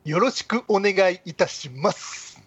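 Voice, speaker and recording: A woman co-hosting a podcast, talking in a playful, drawn-out way in casual chat. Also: medium pitch, expressive, slightly rough, lo-fi sound.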